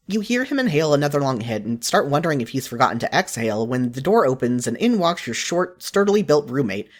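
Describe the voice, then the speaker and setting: An expressive narrator reads a story told in the second person, in the manner of a fan fiction audiobook. The pitch sits in the middle range.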